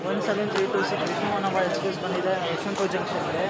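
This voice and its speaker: A man's voice: high voice, fairly even intonation, racing. A young man filming a train trip on his phone, talking casually about the routes and reeling off train numbers. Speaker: train travel vlogger. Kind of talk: casual on-board commentary. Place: open door of a moving train at busy stations. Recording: loud train and crowd noise.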